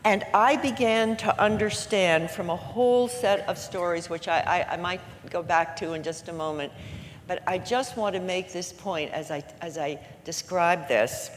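An elderly woman in her eighties speaks earnestly to a gathered audience, drawing out the words she wants to land. Her voice sits at an ordinary pitch for a woman. It carries a long hall reverb over a faint hum of room noise. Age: 80s. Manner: earnest, slows down to stress key words. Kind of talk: inspirational public talk.

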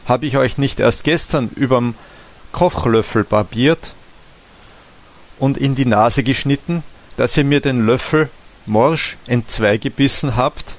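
A man voicing a drunk, ranting village barber who shouts and wails in falsetto in a storybook reading. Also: a little slow, close to an everyday voice.

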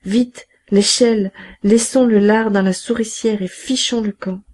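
A woman's voice: mid-range voice, steady tone, measured pace, darkish tone, slightly rough. Woman doing Thénardier, a sly bossy bandit. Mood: urgent. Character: scheming middle-aged male innkeeper bandit, sly and bossy.

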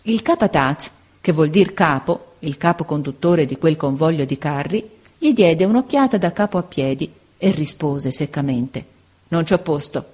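A woman narrating a classic story aloud in a steady, expressive storytelling manner. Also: deep voice, moderate pace, husky.

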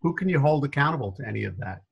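A man's voice: medium pitch, lively intonation, racing, gravelly, slightly rough, lo-fi sound. A middle-aged man from New York with a faded New York accent, telling stories as a podcast interview guest, laughing often and punching up his asides. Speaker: guest, business consultant.

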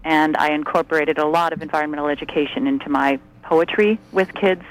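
A woman's voice: sits low, steady tone, a little fast, low-quality recording. An older woman, a retired teacher, calling in over the phone to a radio talk show and chatting earnestly. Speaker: caller. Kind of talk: casual call-in chat.

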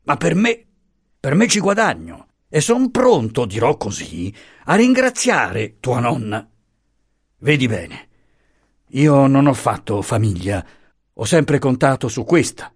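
A man voicing a placid, slow-witted old bachelor uncle with a deep, solemn, wheezy voice, speaking slowly and pausing to find words. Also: big pitch swings, breathy edge, exaggerated voice.

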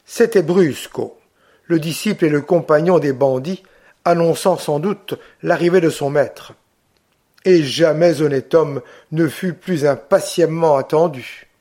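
A man narrating a classic novel in a measured, deliberate way. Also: a little high, mellow. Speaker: audiobook reader. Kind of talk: literary audiobook narration.

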